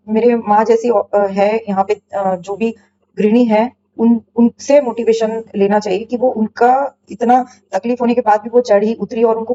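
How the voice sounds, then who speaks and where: A woman in her forties sharing a spiritual travel experience with her group, speaking haltingly with many pauses and fillers. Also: warm tone. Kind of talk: emotional personal testimony. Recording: muffled low-fidelity recording with faint hum.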